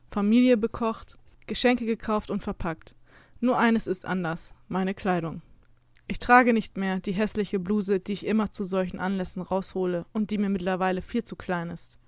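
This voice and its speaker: A woman's voice: mid-range voice, no room sound. Woman reading a story, dry close sound. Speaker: narrator. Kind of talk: scripted first-person story reading.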